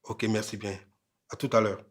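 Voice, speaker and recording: A man's voice: on the low side, flat delivery, normal speed, natural voice. An actor with a Burkinabè French accent, playing an arrogant newly rich husband who talks down to his wife. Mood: polite. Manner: curt and scornful at home, polite on phone.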